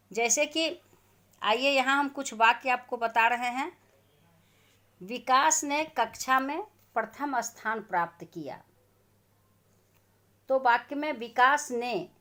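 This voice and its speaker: A woman's voice: fairly high pitch, a bit bright. A woman teacher giving a grammar lesson to schoolchildren, asking questions and answering them herself.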